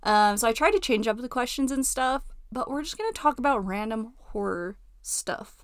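A woman's voice: on the high side, animated, normal speed, no echo, studio quality. A young woman co-hosting a podcast, chatting casually with lots of giggles and fillers. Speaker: podcast co-host. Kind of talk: casual chat.

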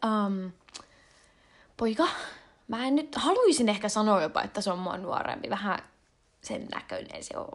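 A young adult woman vlogging in a casual confessional chat, rambling with lots of fillers and slang. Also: fairly high pitch. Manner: rambling and slangy, with frequent fillers and English words mixed in.

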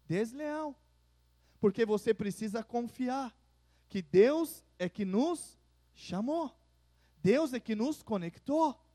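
A Brazilian man preaching as pastor to his congregation, emphatic, swinging between loud declarations and quiet intimate asides. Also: very high-pitched, animated, slow pace. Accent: Brazilian Portuguese. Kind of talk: sermon. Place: church.

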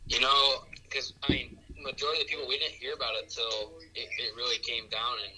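A man's voice: mid-range voice, little pitch movement, fairly quick, a crowd in the background, rough recording. A man in his late teens answering interview questions in a plain, matter-of-fact way. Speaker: guest, young shop owner.

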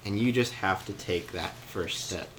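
Young male study leader, low voice, playful storytelling, faint room hum. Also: unhurried. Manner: joking, animated storytelling with laughs. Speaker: youth Bible study leader. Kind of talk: casual teaching.

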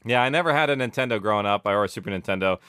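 Very fast and smooth, a middle-aged man's fairly low voice comes through clean studio sound without echo. He's an audio drama producer guesting on an interview, rambling casually and animatedly, self-correcting often, with plenty of "like" and "you know."

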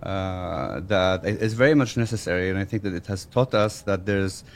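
A man interviewing guests, asking long questions in a halting way with many "uh" fillers. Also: sits low, gravelly, a little hiss or hum.

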